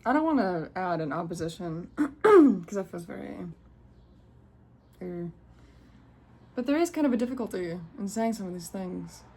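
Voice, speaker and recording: A woman's voice: fairly low pitch, expressive, moderate pace, pauses often, a little mellow, breathy edge. A woman giving a casual spiritual card reading, rambling and breaking off mid-sentence, often laughing to herself. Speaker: tarot reader.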